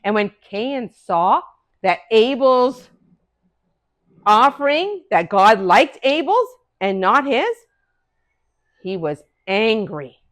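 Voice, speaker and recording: An older woman telling a Bible story to a class of children, animated and speaking to them directly. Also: on the high side, slow pace, pauses often.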